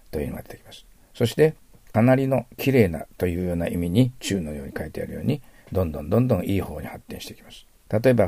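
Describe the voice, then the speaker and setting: Gravelly Japanese man teaching English words. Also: low voice, warm tone, no echo. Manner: explains patiently with exaggerated English pronunciation. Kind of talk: lecture-style vocabulary lesson.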